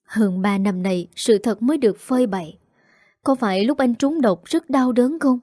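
A grieving young widow, as a woman reads her lines in a drama recap. She asks tearful questions in a soft, mellow voice. The sound is dry and close. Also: a little high, moderate pace, no room sound, lightly acted.

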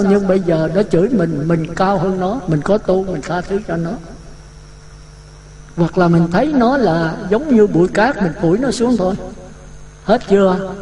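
A man's voice: sits high, dark tone, a little hiss or hum. A man giving a Buddhist dharma talk, vivid and full of rhetorical questions. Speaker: Buddhist monk teaching. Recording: echoey hall.

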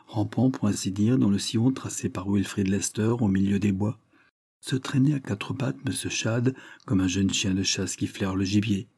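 A man narrating a novel in a calm, measured reading. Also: fairly low pitch, breathy edge, no echo, studio quality. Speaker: audiobook narrator. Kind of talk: scripted narration.

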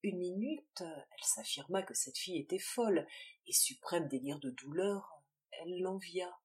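A woman narrating a novel in a measured, dramatic reading. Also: on the low side, animated, darkish tone, husky. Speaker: audiobook narrator.

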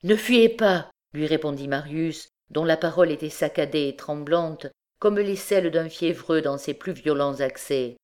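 A woman's voice: low voice, moderate pace, few pauses, a little mellow, lightly acted. A woman doing a desperate trembling young man. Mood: pleading.

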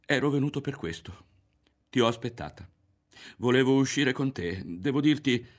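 A man's voice: on the low side, big pitch swings, takes it slowly, exaggerated voice. A man reading a novel aloud, voicing a shy teenage boy who stammers and pleads. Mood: pleading.

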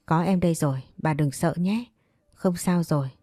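A woman voicing a loyal, protective nanny who talks in a soothing, gentle way. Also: lowish voice, normal speed, dry recording, studio quality, soft background music, close to an everyday voice. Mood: tender.

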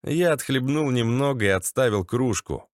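A man's voice: mid-range voice, expressive, normal speed, no echo, studio quality. A man narrating a gritty first-person audiobook in a tense, sardonic manner.

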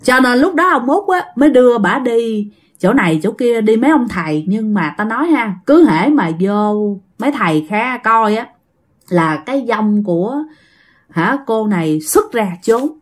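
A woman's voice: on the high side, moderate pace. A woman telling a ghost story in a chatty way, often turning to her listeners. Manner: lively, chatty, addresses listeners directly.

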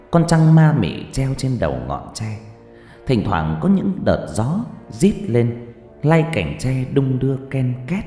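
Lively, dramatic male horror storyteller. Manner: dramatic, expressive storytelling with shifting pitch. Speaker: audiobook narrator. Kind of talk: first-person horror story narration. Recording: reverberant hall with background music.

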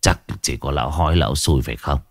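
Guy doing a sick grouchy big brother, deep groany voice, coughing. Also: fast, no echo, clean studio sound. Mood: sick grumbling. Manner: groaning, gruff.

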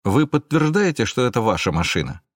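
A man's voice: mid-range voice, very animated, brisk, no room sound, studio quality. A male reader voicing a firm male police officer who gives clipped orders to a suspect. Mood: commanding.

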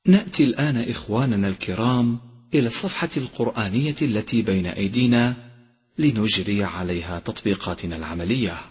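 A man's voice: on the low side, darkish tone, slightly rough. Man teaching recitation in a reverberant hall. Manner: slow, deliberate demonstration of pronunciation. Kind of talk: instructional lesson with recited examples.

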